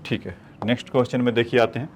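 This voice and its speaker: A man's voice: mid-range voice, steady tone, rapid-fire, darkish tone, slight background noise. Man explaining physics problems step by step. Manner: explains step by step, addresses students as children. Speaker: physics teacher. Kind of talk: whiteboard problem-solving lecture.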